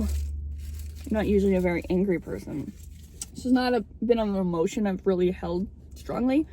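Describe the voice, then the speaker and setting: Sitting inside a car, a young woman films a casual vlog, talking frankly and somewhat theatrically and swearing a lot. Her voice runs on the high side with a dark tone, and car background noise is audible.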